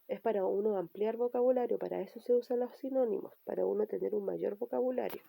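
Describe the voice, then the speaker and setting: A woman's voice: medium pitch, quick pace, gravelly, warm tone, husky. A woman teaching a recorded language lesson, patiently explaining and restating each point. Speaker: primary school teacher.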